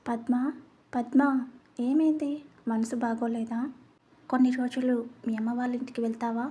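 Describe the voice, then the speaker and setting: A patient husband in a narrated story, as a woman puts him on speaks gently and consoles his wife. The voice is mellow and breathy. It moves little in pitch. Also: flat delivery, moderate pace. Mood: gentle. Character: caring middle-aged husband, patient and gentle.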